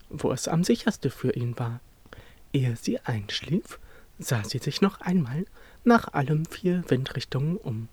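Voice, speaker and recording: Fairy-tale reader, slow unhurried pace, lively melodic voice, dry close sound. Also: mid-range voice, husky, dry recording. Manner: slow, expressive storytelling. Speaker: narrator. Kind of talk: storybook reading of a fairy tale.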